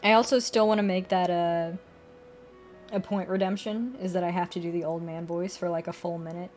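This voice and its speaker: A woman's voice: lowish voice, fairly even intonation, fairly quick, darkish tone, soft background music. A young woman streamer chatting casually while drawing, rambling and correcting herself, often laughing.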